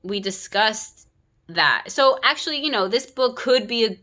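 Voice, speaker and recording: A woman's voice: fairly high pitch, expressive, a little slow, sharp tone. A woman, a parent, giving a frank, opinionated casual commentary on a children's book, full of "like" and "you know.".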